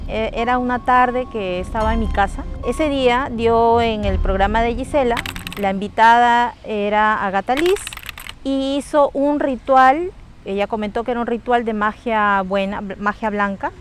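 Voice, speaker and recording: A woman with a Peruvian Spanish accent calmly recounting a childhood paranormal memory, explaining steps with small slips. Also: a little high, a little hiss or hum. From Peru. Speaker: storyteller sharing a personal experience. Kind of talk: casual spoken anecdote.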